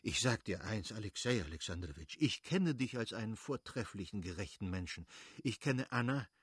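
A man voicing a good-natured, effusive middle-aged nobleman who pleads warmly with his brother-in-law. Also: lowish voice, animated, normal speed, slightly rough, dry recording, studio quality. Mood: effusive pleading. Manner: warm, effusive, imploring.

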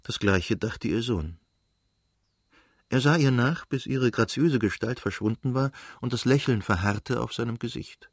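A man narrating a classic novel as an audiobook in a measured, literary reading. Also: medium pitch, breathy edge, dry recording, studio quality.

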